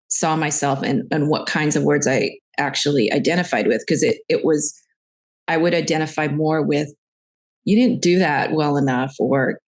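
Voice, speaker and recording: A woman hosting a podcast interview, talking candidly and reflectively about her own experiences. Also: low-pitched. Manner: candid, reflective, shares personal stories. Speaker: podcast host. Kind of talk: conversational interview.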